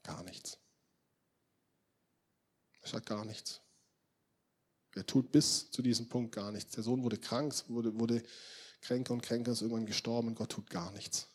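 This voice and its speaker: A young man preaching a sermon in a casual, direct way, talking straight to the congregation and swinging between loud emphatic bursts and quiet, intense murmurs. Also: medium pitch, steady tone, brisk, husky.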